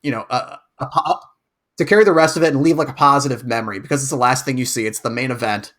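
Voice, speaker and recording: A man's voice: medium pitch, quick pace, a bit bright. A man co-hosting a podcast, chatting casually and thoughtfully over a remote call, often repeating words as he hesitates. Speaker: podcast co-host.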